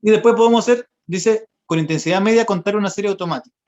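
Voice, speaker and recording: A man's voice: sits high, fast talker, darkish tone. A young man, a voice therapist and singer, patiently explaining vocal exercises step by step in an online lesson. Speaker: voice therapist and singer giving a workshop. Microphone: video call. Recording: dull lo-fi video call audio.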